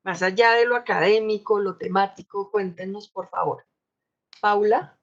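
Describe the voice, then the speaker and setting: A woman's voice: mid-range voice, fairly even intonation, moderate pace, dull audio. A woman moderating a panel, friendly and prompting panelists with questions over a video call.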